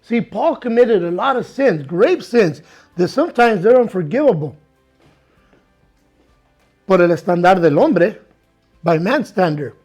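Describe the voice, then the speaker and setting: A pastor with a notably high voice delivers a bilingual sermon, saying each thought in Spanish and then again in English. He reads scripture aloud and slows down on the key words, while soft music plays faintly behind him. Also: expressive.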